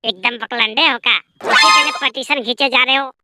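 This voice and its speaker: Bickering cartoon men. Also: female voice, high-pitched, moderate pace. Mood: quarrelsome. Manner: bickering, scolding, coarse. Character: squabbling small-town men arguing over a debt. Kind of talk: cartoon voice acting. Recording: loud background noise.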